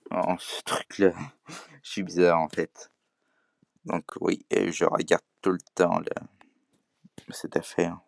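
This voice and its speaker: In a casual vlog, a man from Quebec with a Québécois French accent talks hesitantly, restarting often and leaning on fillers. The voice is low-pitched and darkish, with vocal fry, and there's no echo.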